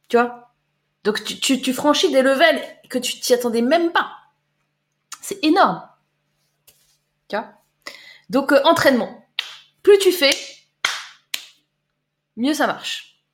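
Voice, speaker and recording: A woman coach talking casually on a live stream, answering viewers' chat comments in a loose, chatty way with many repeats and fillers. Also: a little high. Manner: chatty, loose, repeats words and fills with euh. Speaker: life coach.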